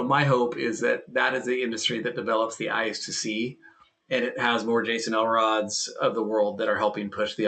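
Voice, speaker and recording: A man's voice: fairly low pitch, gravelly, a bit bright. Emphatic man with a punchy, repetitive delivery. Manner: emphatic, repeats key phrases, acts out quoted dialogue. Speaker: guest, healthcare and private equity tech leader. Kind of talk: casual podcast conversation.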